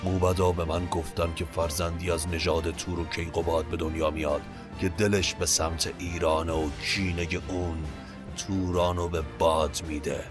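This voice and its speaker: A man voicing a furious tyrant king who declaims his threats loudly and with command. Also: low-pitched, flat delivery, music in the background, pitched below the performer's own voice, lightly acted. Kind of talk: storytelling from an epic.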